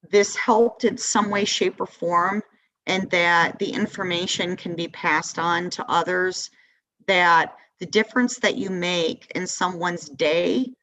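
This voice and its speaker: A woman's voice: on the low side, a bit bright, poor audio. A woman giving an earnest presentation on crisis communication during a video call.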